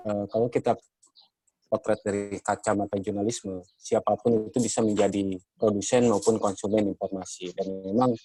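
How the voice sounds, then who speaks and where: An Indonesian man moderating a journalism training session, speaking in a measured way with many hesitations. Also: on the low side, darkish tone, poor audio. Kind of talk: workshop moderation, lecturing.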